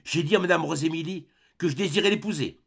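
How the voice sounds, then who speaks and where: A man's voice: a little high, quick pace, vocal fry, fairly bright tone, husky, pitched above the performer's own voice, full character voice. A man reading a novel aloud, voicing an eager, affectionate young man who asks openly. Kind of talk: audiobook character reading.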